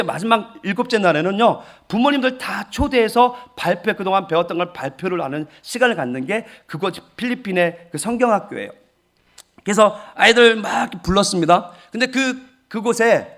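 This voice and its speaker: A man's voice: sits high, fairly bright tone. A male pastor preaching a sermon as an emotional storyteller, often putting questions to his listeners. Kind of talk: sermon with personal testimony.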